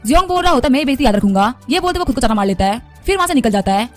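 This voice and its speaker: A woman narrating a story recap in a fast, rushed storytelling manner. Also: expressive, soft background music. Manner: rushed storytelling, raises pitch for the characters' lines.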